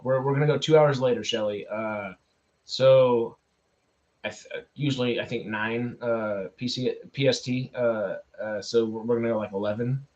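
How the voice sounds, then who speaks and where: A man from Texas hosting a casual livestream, rambling to viewers in halting, repetitive phrases and easily amused. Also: mid-range voice. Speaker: livestream host. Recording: dull, lo-fi microphone sound.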